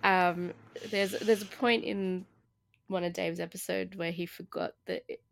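A woman's voice: fairly low pitch, steady tone, a little slow, gravelly. A woman co-hosting a casual tabletop-game podcast, giggly and rambling, with lots of fillers. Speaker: podcast co-host. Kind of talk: casual chat.

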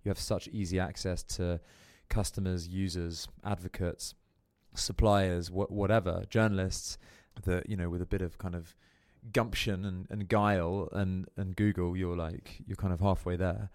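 A man's voice: low-pitched, little pitch movement, normal speed, darkish tone, no echo, clean studio sound. A young man talking casually as a podcast guest, rambling with lots of fillers and restarts. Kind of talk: casual interview chat.

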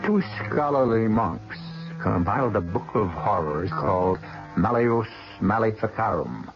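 A man's voice: fairly low pitch, expressive, a little slow. A man hosting and narrating a horror radio drama with theatrical, sardonic scripted delivery. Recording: dull lo-fi radio recording. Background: music.

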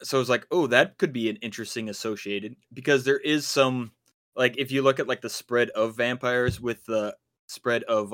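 This man co-hosts a podcast in a mid-range, fairly bright voice. The talk is a casual, rambling chat full of fillers and false starts.

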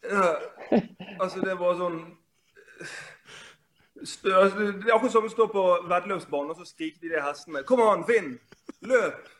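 A man who used to play football, chatting on a podcast in an animated, exasperated way. His voice sits a bit high for a man. He often trips over his own sentences and starts again. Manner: animated, exasperated, restarts and laughs. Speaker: former footballer, podcast regular. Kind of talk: casual podcast chat.

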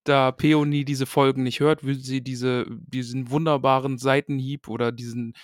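A man's voice: mid-range voice, little pitch movement, normal speed, no echo, clean studio sound. A man hosting a casual book-discussion podcast, chatty and reading short passages aloud.

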